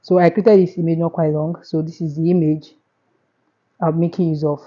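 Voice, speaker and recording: Nigerian woman with a dark, mellow voice. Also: low-pitched, little pitch movement, normal speed, lo-fi sound. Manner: chatty, repeats herself, step-by-step. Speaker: tutorial host. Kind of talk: casual screen tutorial.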